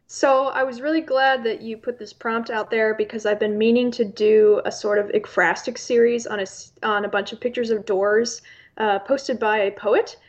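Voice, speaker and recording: A woman guest poet on an online call, speaking casually and reading her work aloud, with a dull, slightly rumbly sound. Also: steady tone, moderate pace. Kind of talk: casual chat and poem reading.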